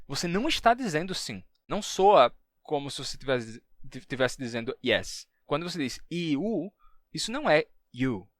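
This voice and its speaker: A man teaching linguistics in a video lesson, stopping to sound out example syllables slowly. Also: mid-range voice, fairly bright tone, dry recording, studio quality. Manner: demonstrates sounds by repeating them slowly. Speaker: linguistics educator.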